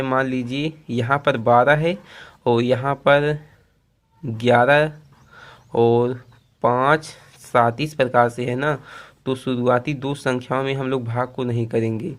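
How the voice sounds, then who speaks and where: A man explaining long division step by step to viewers, patient and repetitive, reciting multiplication tables in a sing-song rhythm. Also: mid-range voice. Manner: patient, repeats points, addresses viewers as friends. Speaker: math teacher.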